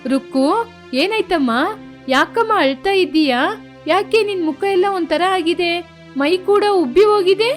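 A woman's voice: extremely high pitch, unhurried, faint music behind, voice pushed up. Woman voicing fussing, worried mother-in-law. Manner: anxious, fussing, exclaiming.

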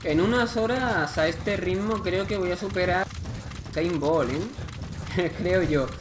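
A man with an accent from Spain, casually commenting on a game he plays, chatty and excitable with lots of slang. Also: sits high, takes it slowly, reverberant, background noise. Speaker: gameplay commentator.

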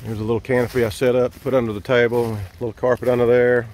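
A fast-talking man with a medium-pitched, level, slightly mellow voice gives a folksy walkthrough of his campsite and big tent. He films himself walking on a handheld camera, recorded by its mic. Easygoing in manner, he still hesitates and uses fillers as he goes.

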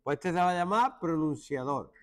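A middle-aged man from Málaga with an Andalusian accent, teaching a joking classroom lesson and hushing his students. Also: on the high side, expressive, normal speed. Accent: Andalusian Spanish. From Málaga, Spain. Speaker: secondary school teacher.

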